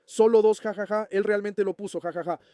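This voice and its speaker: A man's voice: high-pitched, steady tone, fairly quick, a little mellow, no room sound, clean studio sound, faint music behind. A man hosting a fan channel, casually answering viewer questions and checking in with the listener as he explains. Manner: chatty, keeps checking in with the listener.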